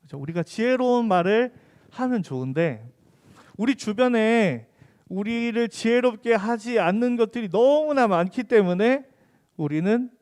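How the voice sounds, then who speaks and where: A man's voice: sits high, lively intonation, a little slow, a little mellow. A man in his thirties preaching to a youth group with a Korean accent mixing Gyeongsang dialect and Seoul speech, telling funny stories and asking his teen listeners questions. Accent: mixed Gyeongsang and Seoul Korean. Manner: chatty, jokes with and questions the teen audience. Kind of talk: sermon with humorous storytelling.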